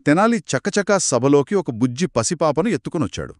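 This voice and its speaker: A man narrating a children's folk tale as a back-and-forth conversation, telling it with expressive, dramatic delivery. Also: fairly high pitch, a little fast, no room sound, studio quality. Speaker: storyteller. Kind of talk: children's story told as a two-voice conversation.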